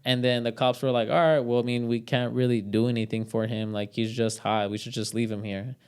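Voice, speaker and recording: A man's voice: medium pitch, little pitch movement, brisk, smooth. A young man telling a story in casual podcast chat, rambling and swearing with many fillers.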